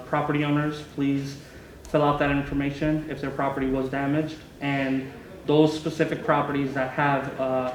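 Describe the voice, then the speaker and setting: Staff guy briefing council, super even monotone, echoey room, mic far off. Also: medium pitch, a little hiss or hum. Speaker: municipal staff presenter. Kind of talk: official briefing.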